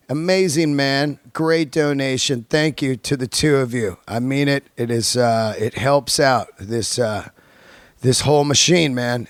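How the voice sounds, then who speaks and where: With a fairly high-pitched voice, a stand-up comic in his early fifties hosts a podcast, casually addressing listeners in a laid-back way peppered with slang and curse words. The audio is studio quality, without echo.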